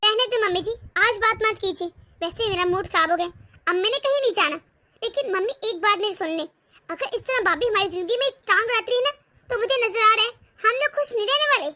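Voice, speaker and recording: A woman voicing a jealous, sharp-tongued young wife who complains indignantly in a cartoon story. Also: very high-pitched, no echo. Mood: complaining. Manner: complaining, indignant, quick to snap.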